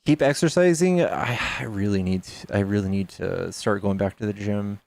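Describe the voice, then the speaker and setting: A streamer in his thirties talks casually, reading donations and joking with his audience. His voice sits on the low side, creaky and a little mellow, at a moderate pace.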